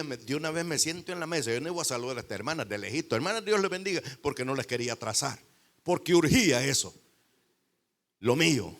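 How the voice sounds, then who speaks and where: A male pastor preaching a sermon into a handheld microphone in a church, rising to loud bursts and dropping into quiet pauses. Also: fairly high pitch. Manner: preaching with sudden loud swells and dramatic pauses.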